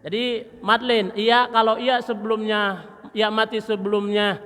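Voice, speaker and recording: A man teaching Quran recitation at a mosque study session, demonstrating letter sounds and slowly chanting verses. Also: sits high, flat delivery, fairly bright tone. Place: mosque hall. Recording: long reverb of a mosque hall.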